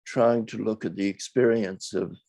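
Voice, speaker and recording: An older man, a documentary filmmaker, talks reflectively in an interview, choosing his words in a thoughtful, measured and hesitant way. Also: fairly low pitch, steady tone, dark tone, no echo.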